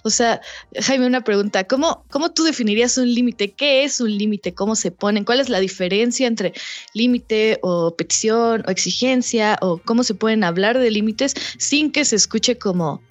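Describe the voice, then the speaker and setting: A woman co-hosting a podcast, asking questions in quick bursts. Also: a little high, no echo, faint music behind. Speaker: podcast co-host. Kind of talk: casual chat. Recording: dry, slightly muffled sound.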